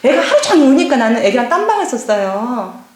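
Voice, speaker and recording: A middle-aged woman, a pastor's wife, giving a lively personal testimony at a church seminar and acting out past conversations. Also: fairly high pitch, fast talker. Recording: echoey church hall.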